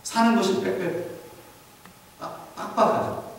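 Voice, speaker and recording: A man preaching a sermon as pastor, lively and full of rhetorical questions to his congregation. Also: high voice, unhurried, creaky. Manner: animated, asks the congregation many rhetorical questions. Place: large church sanctuary. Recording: echoey church hall from far off.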